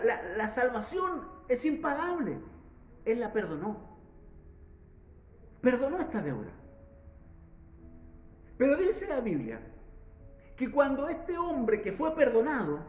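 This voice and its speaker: A Chilean man preaches in a strikingly high, lively voice, retelling a parable with frequent restarts and doubled words. The room around him is echoey, with a clear reverberant ring. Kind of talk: sermon.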